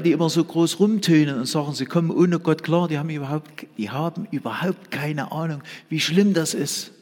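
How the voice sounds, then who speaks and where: A man preaching a sermon to a congregation, moving between loud, stressed phrases and hushed whispers. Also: mid-range voice, breathy edge. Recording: long reverb of a large hall.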